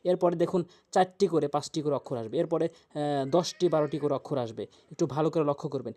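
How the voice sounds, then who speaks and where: A man's voice: fairly high pitch, warm tone. Patient man teaching letter sounds. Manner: repeats each Arabic letter slowly several times to demonstrate; patient, step-by-step instruction on where in the mouth each sound is made. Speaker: Quran reading teacher. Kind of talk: tajweed pronunciation lesson.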